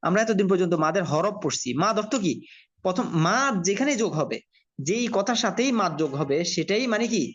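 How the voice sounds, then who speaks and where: A man from Bangladesh, teaching Quran reading by spelling letters one at a time and blending them slowly, asking his learners questions. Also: sits high, expressive. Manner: addresses learners directly, asks and answers own questions. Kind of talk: slow spelled-out recitation lesson. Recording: dull lo-fi audio.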